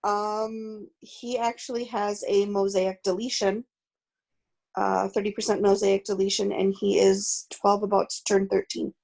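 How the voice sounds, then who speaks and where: Woman, parent, flat intonation, gravelly, apologetic, video call. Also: mid-range voice. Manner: apologetic, quick. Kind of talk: casual introduction.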